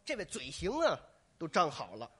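A man's voice: a little high, moderate pace, slightly rough. A man telling a comic stage story as lead of a double act, acting out voices and drum beats. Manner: lively, mimics voices and drum sounds. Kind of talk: crosstalk comedy storytelling.

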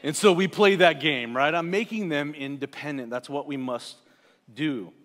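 A man's voice: a little high, moderate pace, fairly bright tone. A man in his forties preaching a sermon as pastor. He talks in a plain, conversational way with asides to the congregation. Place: church sanctuary. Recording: church hall with long reverb.

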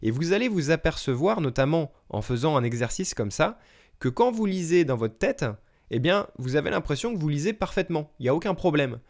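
A man's voice: a little high, sing-song, fairly quick, darkish tone. French man explaining language-learning tips. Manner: friendly explanatory, many fillers and self-corrections. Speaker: language-learning podcast host. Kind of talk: solo podcast advice talk. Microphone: podcast microphone.

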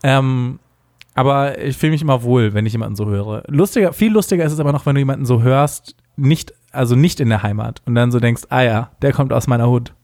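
A man's voice: mid-range voice, fast talker, darkish tone, no echo, studio quality. Man with rolled r, slight Franconian accent. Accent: slight Franconian German. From Franconia, Germany. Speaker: podcast co-host. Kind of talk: casual podcast chat.

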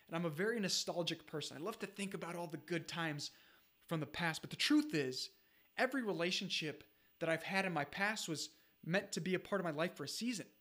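A man's voice: high voice, fairly bright tone. A man in his thirties giving an earnest motivational talk, urging listeners directly and repeating his points. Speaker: self-improvement speaker.

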